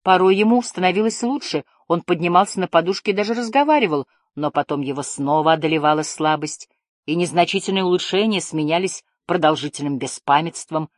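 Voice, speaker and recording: Woman audiobook narrator, deep voice, dry close sound, measured storytelling. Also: no room sound. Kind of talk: scripted narration.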